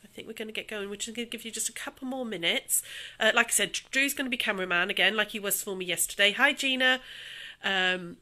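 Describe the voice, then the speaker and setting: Chatting away quickly in a bright, mid-range voice, a woman hosts a craft livestream by phone from her dining room at home. Allergies leave her a bit snuffly as she welcomes viewers by name with terms of endearment.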